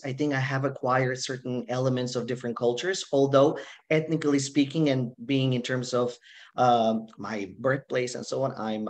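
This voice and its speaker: A man in his thirties from Macedonia, a professor speaking as a guest. He explains things earnestly over a laptop webcam on a video call from home. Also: medium pitch. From North Macedonia. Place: living room at home.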